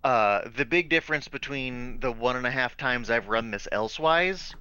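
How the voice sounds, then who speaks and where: A man and game master who teaches high school, chatting casually about his tabletop game and often repeating words as he explains. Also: expressive, moderate pace, pushed and bright, clean tone, no room sound, lo-fi sound.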